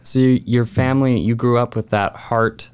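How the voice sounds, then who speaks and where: A man hosting a podcast interview, asking quick follow-up questions in a playful, joking way. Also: medium pitch, fairly even intonation, darkish tone, clean tone. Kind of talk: casual conversational interview.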